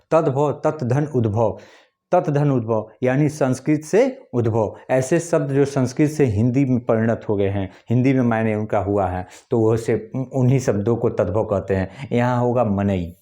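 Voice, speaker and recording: A man's voice: mid-range voice, mellow. A man or teaching an exam-prep lesson, repeating key points and spelling words out syllable by syllable. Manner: addresses viewers as friends, urges them to pay attention.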